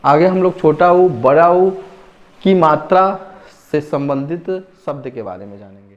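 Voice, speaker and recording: A man's voice: on the high side, a little slow. A man teaching a phonics lesson, reading word lists aloud and repeating each word to stress how long the vowel sounds, on a dull lo-fi recording.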